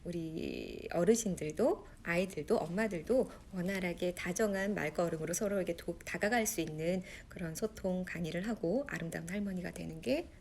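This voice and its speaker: A woman's voice: on the low side, normal speed, creaky, few pauses, darkish tone, a little hiss or hum. A woman in her forties, an author answering interview questions with a storytelling manner. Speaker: author guest.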